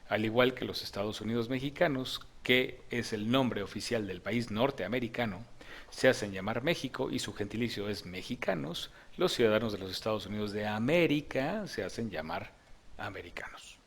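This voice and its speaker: A man's voice: fairly low pitch, expressive, moderate pace. A man narrating a scripted opinion video in a lecturing, argumentative manner.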